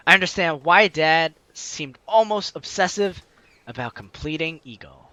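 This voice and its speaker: This man, a let's player, gives a dramatic reading of a story game, breaking off now and then for casual comments. His voice is a little high with a sharp tone, and the recording is dry.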